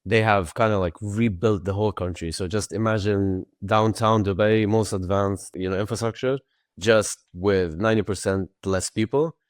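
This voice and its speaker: A man speaking as a guest on a remote podcast interview, relaxed and rambling, with lots of "like" and "right". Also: on the low side, normal speed, no room sound, studio quality. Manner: relaxed, rambling, uses many fillers. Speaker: podcast guest, tech company founder. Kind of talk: casual interview answers.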